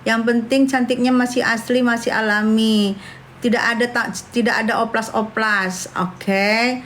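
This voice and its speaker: A woman's voice: on the high side, flat delivery, unhurried, fairly bright tone, a little hiss or hum. A woman, chatting brashly and scornfully on a livestream, calling her viewers darling. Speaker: livestream host. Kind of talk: casual livestream chat with viewers.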